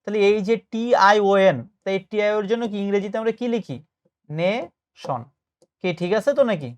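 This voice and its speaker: A man's voice: sits high, steady tone, fast, clean tone. A male tutor giving a patient spoken lesson, explaining and mixing in English words. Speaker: admission test tutor.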